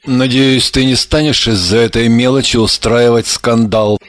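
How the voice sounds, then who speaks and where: A man voicing a flustered husband who tries to calm and placate his wife, mumbling excuses in an audiobook. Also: a little high, a little slow, dry recording. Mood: placating.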